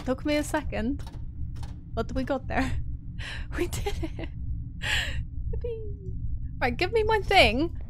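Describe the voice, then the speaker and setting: A woman's voice: high voice, very animated, unhurried, long pauses, background noise. A woman talking to herself as she plays a horror game, jittery and joking, with game music playing behind her. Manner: jittery, talks to herself, jokey. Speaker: gaming streamer. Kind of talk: horror game let's-play commentary.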